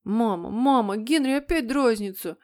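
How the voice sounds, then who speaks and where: A woman's voice: a little high, moderate pace, voice pushed up, close to an everyday voice. A woman voicing an obedient, whiny little boy who squeals and nearly cries, in an audiobook reading. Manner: whining, squealing. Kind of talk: audiobook character voice.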